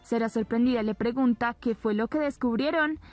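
A woman's voice: on the high side, normal speed. Woman narrating a soap opera recap. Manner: steady storytelling, repeating "le dice". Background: soft background music.

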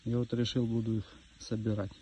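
A man's voice: on the low side, little pitch movement, brisk, dark tone, a little hiss or hum. A man filming himself fishing outdoors on a phone, giving offhand running commentary on his catch. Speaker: fishing vlogger. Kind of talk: casual fishing vlog commentary. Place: outdoors by a river and pond. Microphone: phone camera in hand.

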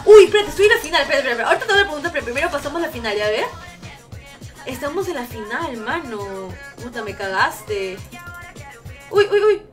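A woman's voice: high voice, fast, soft background music. A young woman streaming a game live, chatting with viewers, shrieking and swearing as she plays. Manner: excitable, shrieks and swears while playing.

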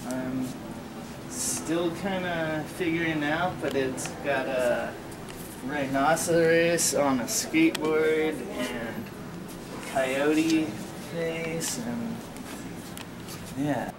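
A man's voice: on the high side, extremely slow. A young man, a painting student, showing his work in a studio in a hesitant, offhand way. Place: indoor art studio. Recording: distant from mic, loud room noise.

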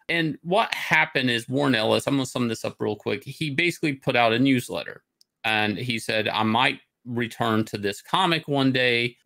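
A middle-aged man with a mid-range, creaky, fairly bright voice hosts a comics talk show. He rambles conversationally, offering casual, opinionated commentary from an indoor room over a video call.

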